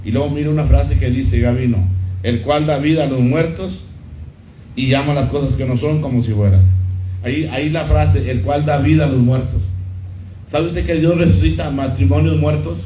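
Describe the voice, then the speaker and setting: A middle-aged man preaches a sermon in a warm, dark voice. He stresses his key phrases by repeating them and quizzes the congregation. The recording is muffled and echoey, with faint room noise behind him. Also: a little high, fairly even intonation, normal speed. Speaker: pastor. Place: church hall.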